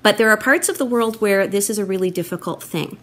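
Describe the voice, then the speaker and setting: A middle-aged woman telling a children's story for a church, expressive and animated, recorded on a laptop webcam at home. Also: medium pitch, fairly quick. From Canada. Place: wood-panelled room at home, indoors. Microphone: laptop webcam, close framing.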